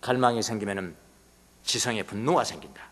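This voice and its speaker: A male pastor preaching a sermon in a church, swinging from hushed asides to loud exclamations. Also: lowish voice, lively intonation, fairly quick. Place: church sanctuary. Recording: long reverb of a church hall.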